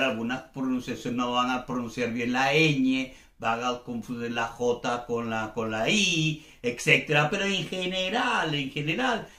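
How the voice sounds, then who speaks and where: A man's voice: fairly high pitch, a bit bright, reverberant. A man teaching a casual video lesson, rambling with many fillers, restarts and self-corrections. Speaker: language teacher.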